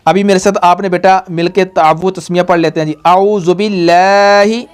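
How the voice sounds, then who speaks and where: A man's voice: sits high, fairly even intonation, fast talker, clean tone. A man teaching Quran reading to a child and to viewers. He drags the letter sounds out in a sing-song way and keeps checking "all right?". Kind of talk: tajweed lesson, call and repeat with a child.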